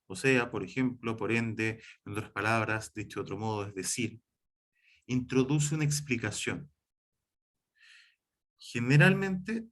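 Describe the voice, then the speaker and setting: Man teaching an online class, halting and explanatory. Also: medium pitch. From Chile. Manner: explanatory, with frequent fillers and self-corrections.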